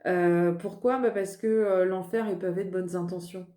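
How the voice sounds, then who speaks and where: A chatty woman works through a card reading in a mellow, warm voice, pitched a little low. She mocks herself as she talks, and her voice rings with the echo of the room. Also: steady tone, normal speed. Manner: chatty, self-mocking, laughs at herself. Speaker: medium giving a card reading. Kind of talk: casual spoken card reading. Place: indoors at her desk. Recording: roomy echo.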